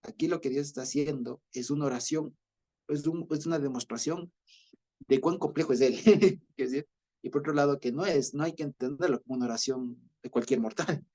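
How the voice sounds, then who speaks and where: A man with an Ecuadorian accent teaching a Bible study, explaining slowly and often checking that his listeners follow. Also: fairly high pitch, warm tone. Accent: Ecuadorian Spanish. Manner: explanatory, repeats himself with many fillers and checks for understanding. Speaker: preacher.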